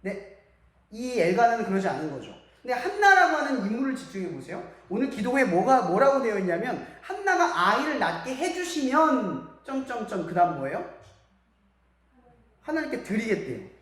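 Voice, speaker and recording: A young adult woman preaching a sermon to young people at a school church service, animated and full of rhetorical questions. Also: fairly high pitch, moderate pace. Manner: animated, asks the audience many rhetorical questions. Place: church hall. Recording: very echoey church hall.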